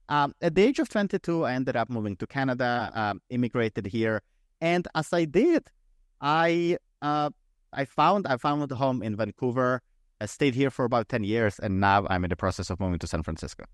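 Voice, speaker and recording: A Ukrainian man in his thirties, guesting on a podcast, talks in a medium-pitched voice, thoughtful and conversational, frequently restarting and repeating words. The recording is dry and studio quality, in a conversational interview format.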